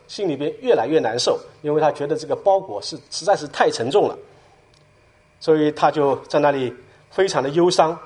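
A man speaking at church, retelling a story as a sermon in an animated way and dotting his talk with filler sounds. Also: a little high, husky.

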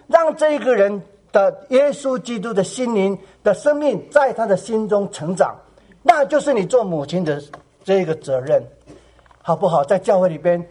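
A man preaching a sermon who keeps asking his listeners questions and acts out quoted voices in a soft, hushed tone. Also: sits high. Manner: animated, asks the congregation questions.

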